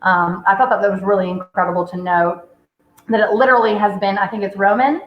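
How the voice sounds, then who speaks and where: A woman hosting a wine tasting talks in a chatty, rambling, enthusiastic way. Her mid-pitched voice comes through an echoey, muffled call with faint noise behind it. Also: fairly even intonation, brisk. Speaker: wine shop host. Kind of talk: casual virtual tasting chat.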